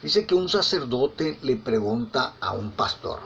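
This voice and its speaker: A man's voice: medium pitch, big pitch swings, unhurried, gravelly. A man preaching a conversational sermon, telling anecdotes with frequent tag questions and repeated words. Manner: repeats and restarts words often. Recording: slightly dull lo-fi with faint ambience.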